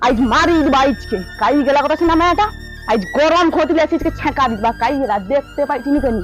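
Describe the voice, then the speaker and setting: A woman's voice: high voice, quick pace, soft background music, close to an everyday voice, poor audio. A woman playing a fed-up, scolding village wife in a comedy skit, nagging and repetitive in a rural Bengali dialect. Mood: exasperated, scolding.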